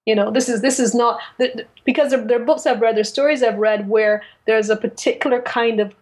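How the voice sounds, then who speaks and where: In a casual literary chat on a podcast, a Caribbean woman co-host speaks with a fairly high, darkish voice and a steady tone. She is articulate and deliberate, picking each word carefully.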